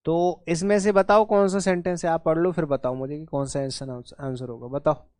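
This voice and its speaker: A man's voice: fairly high pitch, fairly even intonation, normal speed, darkish tone, dry recording. Man teaching spelling in Hindi and English. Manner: explains in Hindi mixed with English, checks in often. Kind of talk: exam-prep lesson.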